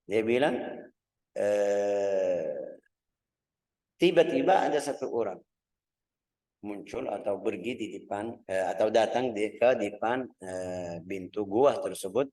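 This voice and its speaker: A man's voice: on the low side, expressive, dark tone. Man teaching a religious lesson. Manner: explains slowly in simple Indonesian, searching for words, acts out voices. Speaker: Islamic teacher.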